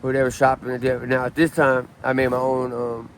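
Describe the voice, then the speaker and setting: A man in his late thirties from Southern California talks fairly quickly in a medium-pitched voice, telling his story in a casual street interview out on a city street. His manner is relaxed and rambling, with many ums and restarts, and faint street noise sits in the background.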